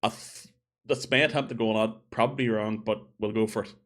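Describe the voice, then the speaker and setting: A man's voice: on the low side, steady tone, a little fast, fairly bright tone. A man giving a casual opinion monologue, chatty and thinking aloud as he corrects himself. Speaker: gaming video creator.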